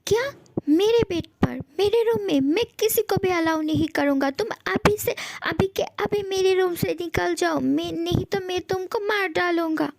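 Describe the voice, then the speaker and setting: A woman's voice: extremely high pitch, normal speed, vocal fry, few pauses, dry recording. A woman voicing a handsome young male ghost who threatens a newcomer to leave his room, in a fan audio story. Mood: bossy. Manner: bossy, threatening.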